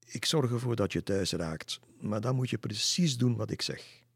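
A man voicing a calm, kindly female dove in a read-aloud storybook, speaking softly and in a measured way. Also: on the low side, gravelly, breathy edge, in a large hall, full character voice.

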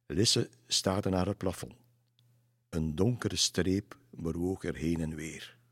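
Male narrator, dry close sound, low and husky, calm reading. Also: slow pace, dry recording. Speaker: storyteller. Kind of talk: reading a children's story aloud.

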